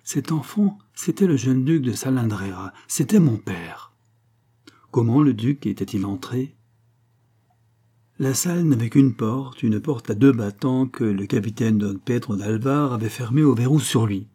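A man reading a classic adventure novel aloud in a measured, dramatic narration. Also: medium pitch, animated, mellow, slightly rough. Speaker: audiobook reader.

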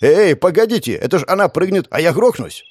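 A man reading an audiobook, voicing a blunt male warrior who shouts and curses. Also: sits high, sing-song, a little fast, no echo, pitched above the performer's own voice. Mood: urgent. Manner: shouting and cursing.

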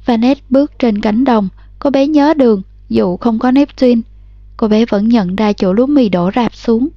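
A woman in scripted audiobook narration, telling the story in a steady, even way. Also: fairly high pitch, unhurried, no room sound, highs cut off.

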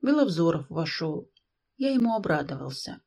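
A woman narrating a classic novel in first person, calm, measured and reflective. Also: low-pitched, vocal fry, husky. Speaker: audiobook reader. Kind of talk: scripted literary narration.

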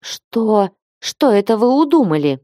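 A headstrong young bride voiced by a woman narrator speaks up in a raised, higher voice. The tone stays mellow. It is recorded close and dry. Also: big pitch swings, unhurried, dry recording. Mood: agitated. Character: young rebellious woman, a reluctant royal bride.

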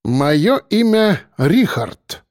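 A man voicing a cold masked captor who speaks flatly and without changing his tone. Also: sits high, no echo, clean studio sound, voice pushed up, heavily acted. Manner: flat, unhurried, icy.

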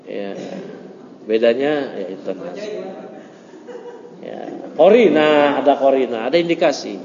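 A man teaching an informal grammar class, joking and chatty, mixing Arabic terms into relaxed explanations. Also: medium pitch, a little slow, a crowd in the background. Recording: muffled echoey room recording.

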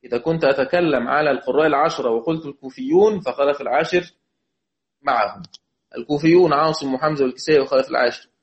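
A man with an Egyptian accent teaching Quran recitation, chanting verses slowly and quizzing his students. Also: medium pitch. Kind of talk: religious lesson. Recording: dull lo-fi recording.

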